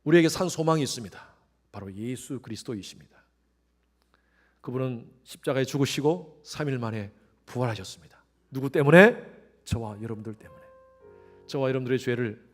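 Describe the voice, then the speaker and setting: A middle-aged male pastor preaching a sermon, swinging between quiet, intimate lines and sudden loud rises, and acting out the voices he quotes. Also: fairly high pitch. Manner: acts out quoted voices with animated shifts.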